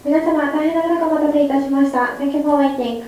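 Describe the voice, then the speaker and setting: A woman's voice: high voice, fairly even intonation, over music. A woman giving a formal, polite airport public-address announcement as a gate agent, speaking English. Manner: rapid, polite and formal, with small slips corrected on the fly. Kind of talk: formal bilingual boarding announcement. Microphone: public-address microphone. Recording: echoey terminal over a loudspeaker with faint ambience.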